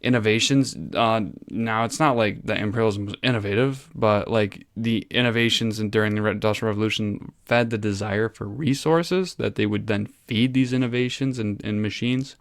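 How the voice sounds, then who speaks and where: A man's voice: on the low side, fairly even intonation, moderate pace, hardly any pauses, dry recording, studio quality. A male history teacher giving a casual, rambling exam review from his room at home, easily sidetracked and poking fun at himself. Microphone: desk microphone.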